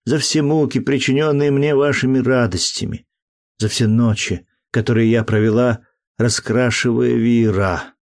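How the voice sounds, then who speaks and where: A man's voice: mid-range voice, steady tone, measured pace, close to an everyday voice. A man reading an audiobook, voicing a tender, playful young woman in love in a raised, breathless voice.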